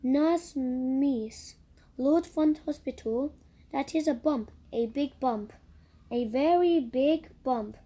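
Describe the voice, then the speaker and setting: A fussing, stammering nurse from a storybook, put on by a woman reading aloud. She repeats her words nervously and bosses people about in a high, unhurried voice with a mellow tone. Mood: fussy. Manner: repeats herself in a fussing, stuttering way. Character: fussy, flustered woman nurse.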